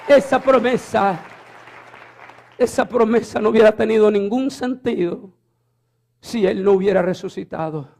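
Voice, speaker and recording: Man, very high voice, sermon, storytelling, stammers and repeats, rising to shouted preaching. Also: unhurried, gravelly, long pauses, some chatter behind, a little hiss or hum. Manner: builds from low retelling to shouted high preaching.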